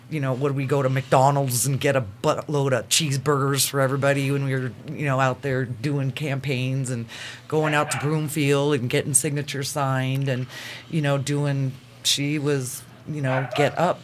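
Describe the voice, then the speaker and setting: A man tells personal stories as a talk guest. He is earnest and halting, at an ordinary pitch, with faint noise behind him. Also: little pitch movement. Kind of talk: personal storytelling in casual talk.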